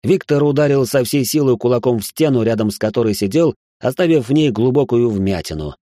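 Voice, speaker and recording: A man's voice: mid-range voice, animated, a little fast, dark tone, dry recording, clean studio sound. A man narrating a first-person fantasy audiobook in a wry, sardonic manner.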